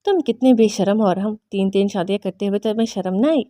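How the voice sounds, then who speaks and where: A woman's voice: mid-range voice, mellow, dry recording, lightly acted. A woman reading the lines of an emotional young wife who bristles at her husband's jokes. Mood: indignant.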